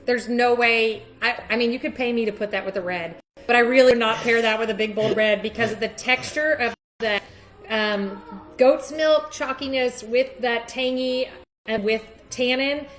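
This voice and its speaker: A woman's voice: a little high, fairly even intonation, moderate pace, a bit bright. A woman hosting a live-streamed cheese tasting lesson, chatty with many ums and ready laughter. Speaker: cheese shop host. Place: shop, indoors.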